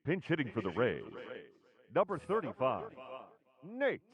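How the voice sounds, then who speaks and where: A man voicing a stadium announcer in a video game, heard over a PA system, calling batters with slow, stretched-out names. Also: mid-range voice, wildly swooping pitch, lo-fi sound. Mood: formal. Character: booming male ballpark announcer introducing batters. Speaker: stadium public address announcer. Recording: distant PA voice over a stadium crowd.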